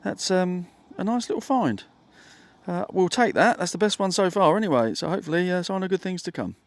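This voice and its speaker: Excitable male metal-detecting vlogger outdoors. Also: high-pitched, fairly quick, dry recording. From England. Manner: chatty, excitable, talks to viewers. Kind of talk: casual outdoor vlog narration. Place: muddy field outdoors.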